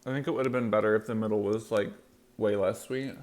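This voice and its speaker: A man's voice: lowish voice, fairly even intonation, quick pace, a little mellow. A man hosting an eating show, chatting casually and in a rambling way to viewers while chewing as he talks. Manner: rambling, loosely strung thoughts. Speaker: mukbang host.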